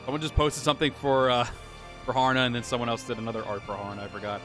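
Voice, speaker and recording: A man chatting casually with his viewers during a live game stream, rambling and a little hoarse as he loses his voice. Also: mid-range voice, level tone, very fast. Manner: rambling, talks to chat while playing. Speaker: livestreamer. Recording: game music behind the voice.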